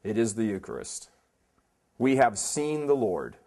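A man's voice: lowish voice, big pitch swings, unhurried, mellow. A man giving a preaching talk at a conference, emphatic and plainspoken, firing rhetorical questions at his listeners. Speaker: conference speaker.

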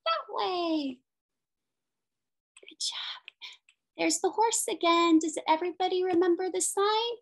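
A special education teacher, a woman in her thirties, reads a picture book aloud to young children in simple sing-song phrases, asking them questions. Her voice is very high-pitched and gravelly, and she reads slowly with long pauses.

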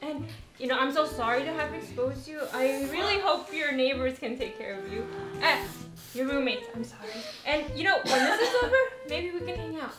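A woman's voice: high-pitched, expressive, normal speed. A young woman acting a panicky, dramatic, whiny roommate in a comedy sketch. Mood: apologetic. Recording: roomy sound with music.

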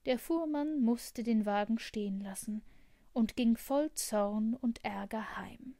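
Woman narrator, fairy tale audiobook, calm even telling, slow pace, mellow tone. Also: on the high side, no room sound, clean studio sound.

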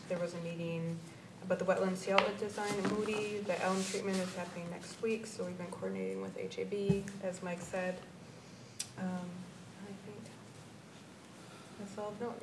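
A woman on the watershed staff giving an informal update at a board meeting. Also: medium pitch. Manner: informal, many fillers. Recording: roomy, far from the mic, noisy.

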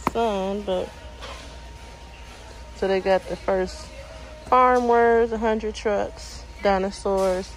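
A young mom vlogs a casual shop-with-me trip with her son, wandering the aisles of a large store and calling out products and prices. Her voice is mid-range, and the handheld phone picks up a lot of busy-store noise.

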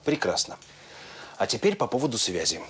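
A self-assured private detective in a TV drama, ironic and commanding as he sets his terms. His voice sits in an ordinary male pitch. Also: wildly swooping pitch, fairly quick. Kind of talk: TV drama acting.

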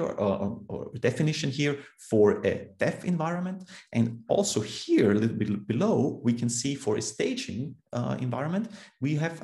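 This man in his thirties is from Austria and speaks with an Austrian German accent, his medium-pitched voice gravelly and mellow with a roomy sound. He's a conference speaker giving a technical talk over a video call, explaining steadily with fillers and restarts.

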